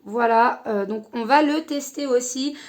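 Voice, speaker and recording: A woman's voice: a little high, a little slow. A young woman casually reviewing an eyeshadow palette, hesitant with many fillers. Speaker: beauty vlogger.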